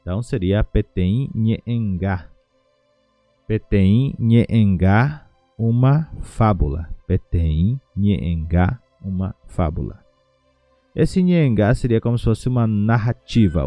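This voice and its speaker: A man teaching a language lesson from home, breaking words into syllables and repeating them slowly. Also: on the low side, lively intonation, no echo, lo-fi sound, soft background music. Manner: slow, syllable-by-syllable pronunciation drills. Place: home without a studio.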